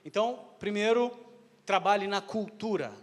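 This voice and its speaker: A man's voice: sits high, a little slow. A man interpreting a sermon live, hesitant, with fillers and self-corrections. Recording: echoey hall with long reverb.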